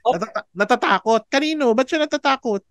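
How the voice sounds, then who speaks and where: Chatty teacher with a smooth, dry voice. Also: mid-range voice, fairly quick, fairly bright tone, dry recording. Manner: chatty, mixes English into Tagalog, asks "di ba?" often; laughs often between points. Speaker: theology teacher. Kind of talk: conversational online lecture. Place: online class over a video call. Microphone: video call microphone.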